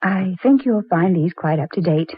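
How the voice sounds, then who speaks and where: An actress playing a prim, stern small-town librarian in a 1940s radio drama, cool and precise. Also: female voice, fairly low pitch, expressive, normal speed, slightly rough, dry recording. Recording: thin, tinny old radio recording.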